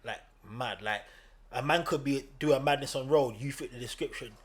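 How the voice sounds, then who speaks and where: A man's voice: medium pitch, moderate pace. A young man with an East End London accent, co-hosting a casual podcast and telling stories in street slang while laughing often. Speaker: podcast co-host.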